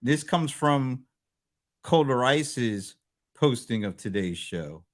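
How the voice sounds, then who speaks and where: A man co-hosting a casual business chat. His pitch swings widely as he talks through figures. He makes joking asides and teases his partner along the way. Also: animated, slow pace. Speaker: co-host.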